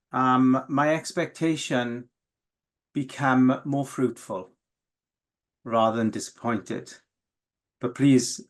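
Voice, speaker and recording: Speaking in a mid-range voice, a male interview guest from the South Wales valleys, whose first language is Welsh, opens up reflectively. The conversation is candid and emotional, and he frequently pauses and starts over.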